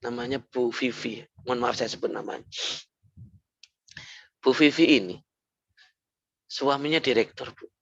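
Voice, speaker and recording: Gravelly man telling stories. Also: medium pitch, unhurried, long pauses, no room sound, highs cut off. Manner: storytelling, acts out quoted pleas in hushed tearful voice. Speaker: motivational speaker. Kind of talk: religious motivational talk.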